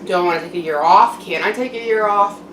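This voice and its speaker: A young adult woman giving a casual, candid personal monologue to camera in a reflective, halting way with frequent pauses. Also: medium pitch, fairly bright tone. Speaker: mukbang vlogger. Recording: roomy echo, distant mic, background noise.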